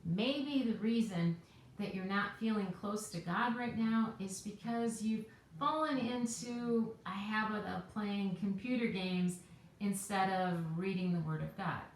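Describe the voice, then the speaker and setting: Woman, devotional host, casual chatty storytelling, "right?" asides, mid pitch, very echoey room. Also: a little slow, a little hiss or hum. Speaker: host of a weekly devotional video.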